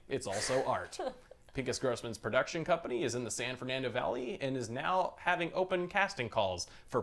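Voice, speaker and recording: A deadpan, official-sounding TV news anchor, as a man puts him on for a comedy podcast bit. He reads the spoof headlines in a steady, measured newsreader cadence. His pitch moves in a lively way.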